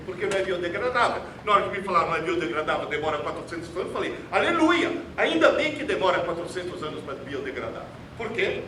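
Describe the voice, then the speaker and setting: This is a non-native Portuguese speaker with a high voice, lecturing to an auditorium audience with sarcasm, theatrics and emphasis. Heard from far off in a big, reverberant hall, the recording has obvious background noise.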